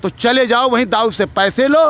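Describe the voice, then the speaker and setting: A man with a very high voice speaks fiercely in a public political debate. He is defiant and repeats key phrases to drive his points home. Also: moderate pace, a crowd in the background. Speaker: debate participant. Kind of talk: heated political street debate.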